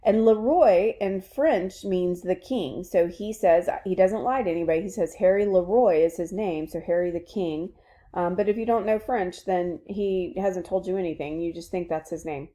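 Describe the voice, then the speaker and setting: Mellow-voiced woman teacher explaining a play. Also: lowish voice, normal speed. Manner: conversational, explaining to students, frequent fillers. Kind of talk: recorded literature lesson.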